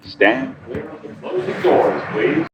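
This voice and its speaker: A man's voice: mid-range voice, huge pitch swings, slow pace, creaky, a little hiss or hum. A man giving a short, instructive recorded safety announcement over a muffled subway speaker.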